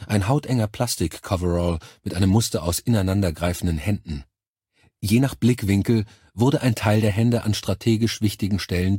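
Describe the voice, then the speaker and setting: Low, husky male audiobook narrator. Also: darkish tone, dry recording, clean studio sound. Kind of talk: first-person science fiction audiobook narration.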